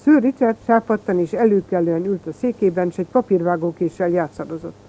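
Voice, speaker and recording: A reader narrating a first-person story in a plain, even storytelling manner. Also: medium pitch, low-quality recording.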